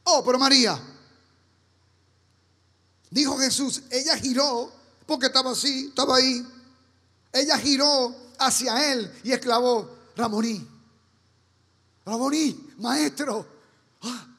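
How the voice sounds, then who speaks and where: High-voiced pastor preaching in a reverberant hall. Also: male voice, a little slow, long pauses, sharp tone. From Caribbean. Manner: passionate preaching, rhetorical questions to the congregation. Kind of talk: sermon. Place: church.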